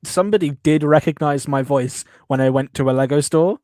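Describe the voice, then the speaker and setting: Relaxed young man, light high-ish voice, dry close sound, rambling and giggly. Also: fairly quick, no echo. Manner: laid-back, rambling, laughs often. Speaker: guest YouTuber. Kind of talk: casual stream chat.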